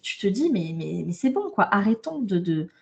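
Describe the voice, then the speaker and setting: A French holistic coach who works with women speaks as a guest in a casual interview, indoors while travelling abroad. Her medium-pitched voice is sing-song with vocal fry and a moderate pace, and she talks frankly and emphatically, often restarting her sentences.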